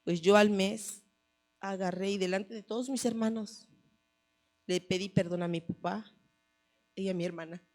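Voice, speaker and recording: A woman's voice: medium pitch, fairly even intonation, moderate pace, long pauses, darkish tone. A woman, mother of a son, giving a personal testimony at a church service in an earnest storytelling manner, often repeating her phrases. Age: adult, mother of a son.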